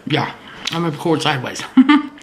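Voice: mid-range voice, wildly swooping pitch, fairly quick. A vlogger chatting casually at a dining table while chewing, laughing between bites, recorded on a camera on a tripod in a noisy home video. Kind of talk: casual eat-with-me vlog chat.

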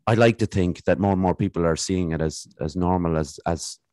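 Deep-voiced and fairly quick, this Irish man sounds a little mellow, with no echo on the recording. He hosts a casual podcast interview from a home room using a studio mic and headphones, talking in long, rambling turns with plenty of fillers and restarts.

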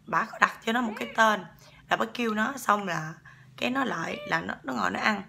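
A woman's voice: mid-range voice, fairly quick, gravelly, bright, forceful tone, a little hiss or hum. A woman with a Southern Vietnamese accent telling a ghost story in a casual, chatty way and often talking straight to her listeners. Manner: chatty, keeps addressing the listeners.

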